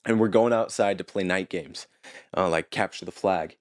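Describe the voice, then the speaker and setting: A young man from Utah, a podcast guest, telling stories in a relaxed casual chat and chuckling often. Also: low-pitched, normal speed. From Utah, United States.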